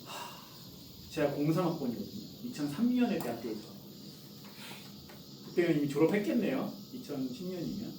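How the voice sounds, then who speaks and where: A man in his forties gives a chatty classroom lecture, often asking students questions and answering them himself. His voice is a little high with big pitch swings, a little fast, with frequent pauses. The recording is echoey and distant, with a noisy background.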